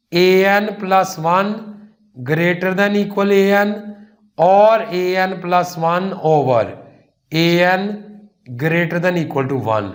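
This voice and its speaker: A man teaching a math lesson, slowly asking and answering his own questions and calling his students "children". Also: high voice. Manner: slow, explains step by step, asks and answers his own questions; calls students "children" and "son". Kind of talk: whiteboard lecture.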